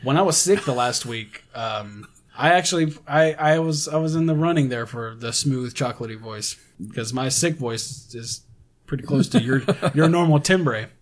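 A man's voice: medium pitch, normal speed. A man co-hosting a casual podcast, joking and laughing often as he talks, swearing easily. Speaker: podcast co-host and editor. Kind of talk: casual chat. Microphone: podcast studio mic.

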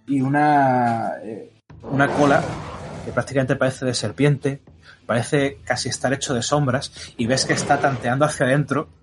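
A man narrating a horror tabletop game as game master, steady and descriptive with many hesitations, over background music. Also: mid-range voice. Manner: descriptive, steady, full of fillers.

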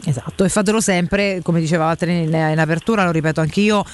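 A woman's voice: lowish voice, fairly even intonation, fast. A woman hosting live radio with chatty, informal, teasing banter. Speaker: radio host.

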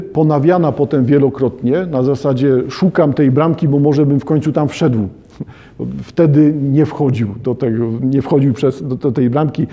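A man's voice: medium pitch, mellow, slightly rough. A man lecturing on a novel, reflective in tone, reading passages aloud and addressing his listeners directly.

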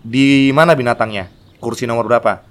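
A man's voice: mid-range voice, a little fast, close to an everyday voice. A man voicing a polite, agreeable male airline pilot. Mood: eager.

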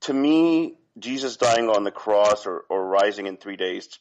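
Low-voiced guy from canada calling in, polite, lots of ums, dull lo-fi phone sound. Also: lively intonation. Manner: polite and halting, with many fillers and restarts. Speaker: caller. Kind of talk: phone-in question.

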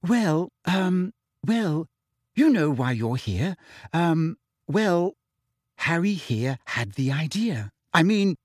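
A nervous but earnest teenage girl who stumbles over fillers before finding a firmer voice, as a male reader puts her on. She is pitched well up, and the voice sits in a dry, close storybook read. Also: very animated, slow, dry recording, full character voice. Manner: hesitant, fumbling fillers, then firm.

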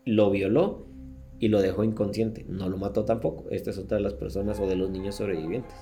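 A man's voice: fairly low pitch, level tone, brisk, mellow, faint music behind. A man with a Guatemalan Spanish accent hosting a podcast, retelling true-crime cases in a crude, slangy way with swearing and laughter. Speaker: podcast host. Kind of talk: casual true-crime storytelling.

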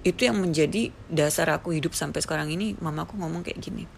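Gravelly-voiced earnest storyteller from Papua. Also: mid-range voice, fast, slight background noise. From Papua, Indonesia. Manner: earnest, emotional storyteller who acts out quoted dialogue. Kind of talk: personal storytelling to camera.

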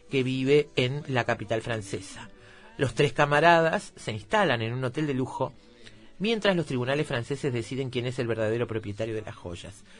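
A man's voice: mid-range voice, a bit bright. Man reading film summaries. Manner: measured, informative reading. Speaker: radio film show host.

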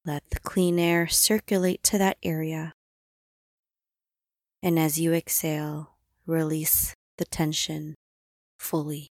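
A woman leads a body-scan meditation in a soft, soothing voice that sits a little low. She speaks very slowly, leaving long pauses between instructions. The recording is close and dry, with no room sound. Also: little pitch movement, dry recording. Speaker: meditation guide.

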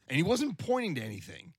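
A man in a band telling a story in casual chat, animated and swearing, acting out the people in it. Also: high-pitched, husky, dry recording, clean studio sound. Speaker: band member.

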